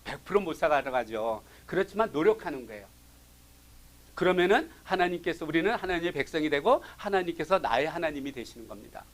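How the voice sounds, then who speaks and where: A man teaching a Bible study class, animated, dropping from loud emphasis to hushed asides and acting out quoted voices. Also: fairly high pitch, a little fast.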